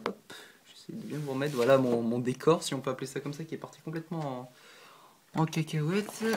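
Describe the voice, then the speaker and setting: A man's voice: medium pitch, a little mellow, slight background noise. Chatty hesitant man showing his models. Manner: hesitant and chatty, frequent 'euh', 'hop' and 'voilà' while handling pieces; self-deprecating asides and apologies. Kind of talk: casual show-and-tell vlog.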